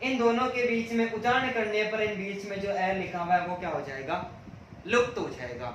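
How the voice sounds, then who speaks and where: A high-pitched male teacher drills exam points, asking questions aloud and answering them himself. He sounds set back from the mic in a strongly echoing room, with a faint hiss of ambience behind him. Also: moderate pace, fairly bright tone. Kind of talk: exam-prep lecture. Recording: echoey room, voice from far off.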